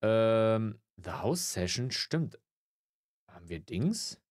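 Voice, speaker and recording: A man's voice: on the low side, big pitch swings, slow, a little mellow, no room sound, studio quality. A man giving casual gameplay commentary, grumbling and swearing, with mock-polite greetings to customers. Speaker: gaming let's player.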